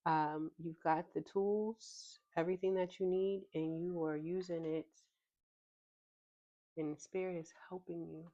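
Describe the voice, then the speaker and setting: Low-voiced woman reading tarot casually. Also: steady tone, warm tone. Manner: thinking aloud, lots of ums, unhurried. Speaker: tarot reader. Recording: slightly dull lo-fi recording.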